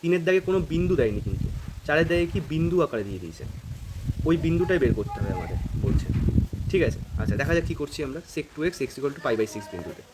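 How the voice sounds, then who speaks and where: A man's voice: a little high, very animated, quick pace, very noisy. A man teaching calculus in a casual, informal way, thinking aloud as he works through problems. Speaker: math teacher. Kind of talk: informal math lesson.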